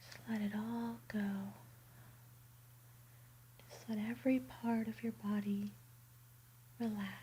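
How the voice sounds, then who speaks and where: A woman doing a bedtime ASMR roleplay in a soft, soothing whisper. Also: medium pitch, flat delivery, slow, pauses often, a little hiss or hum, low-quality recording.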